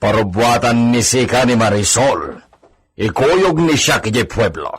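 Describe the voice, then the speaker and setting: In an Ilocano radio drama, a male actor plays a bossy, imperious hacienda master who barks commands laced with Spanish words. His medium-pitched voice is husky, expressive, and a little slow, with a stern, commanding mood.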